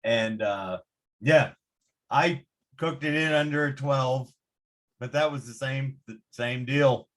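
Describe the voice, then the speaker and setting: A man in his own casual talk on a veterans' podcast. His voice sits at an ordinary middle pitch, and he swears freely and leans hard on his words. He comes across blunt and heated. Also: slow pace. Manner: profane, emphatic, heated. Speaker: podcast host. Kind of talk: casual profane chat.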